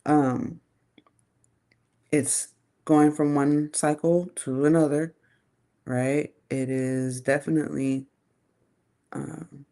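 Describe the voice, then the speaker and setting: A woman's voice: low voice, fairly even intonation, slow, vocal fry, pauses often, mellow. A woman giving a casual live tarot reading, thinking aloud in a chatty, loose way and swearing now and then. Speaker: tarot reader.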